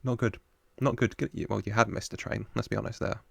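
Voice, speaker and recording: Guy reacting to a movie, chatty and amused, lowish gravelly voice, close dry mic. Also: fairly even intonation, fast, fairly bright tone, dry recording. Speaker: reaction video host. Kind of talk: casual film reaction commentary.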